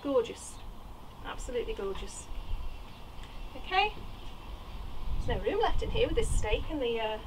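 An allotment vlogger chats casually and thinks aloud while potting plants in a small greenhouse, filmed by a camera on a nearby tripod. Her fairly high voice swings widely in pitch at a moderate pace, with long pauses and background noise.

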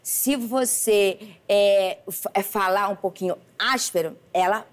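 Middle-aged woman guest, stops and restarts a lot, acts out what people said, chatty interview. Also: medium pitch. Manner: halting, repeats words, acts out quoted dialogue. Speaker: celebrity guest. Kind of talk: casual interview talk.

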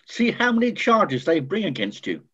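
An older man playing a questioning Roman governor in a dramatized scripture reading, with a husky voice. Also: a little high, huge pitch swings, moderate pace, a bit bright, exaggerated voice. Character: Pilate, Roman governor questioning a prisoner and crowd. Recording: dull lo-fi video-call audio.

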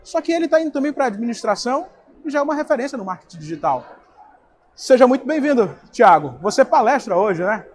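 High-voiced upbeat male presenter. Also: very animated, quick pace, slight background noise. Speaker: interviewer. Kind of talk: event interview. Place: indoor trade fair booth. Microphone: lapel.

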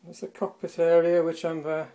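A man giving a relaxed, offhand walkthrough of his boat, pausing with the odd uh, recorded on a handheld camera in a shed and a small cabin. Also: a little high, rough recording. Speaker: boat owner giving a tour. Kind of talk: casual walkthrough narration. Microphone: handheld camera or phone.

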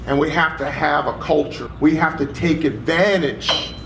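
A man's voice: a little high, moderate pace, creaky. A man making a declamatory speech to an audience. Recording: echoey room with faint noise.

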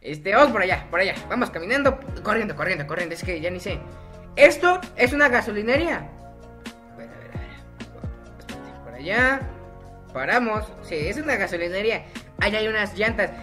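A man's voice: sits high, very animated, a little fast, pushed and bright, faint music behind. A young man giving casual, self-mocking gameplay commentary, chatty and laughing often. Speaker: gaming YouTuber.

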